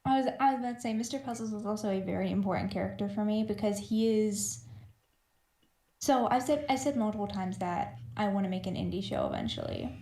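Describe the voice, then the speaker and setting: A woman's voice: mid-range voice, vocal fry, dark tone. A woman who is a guest on a casual livestream, talking in a gushing, enthusiastic way. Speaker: guest streaming with the host. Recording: roomy with faint music.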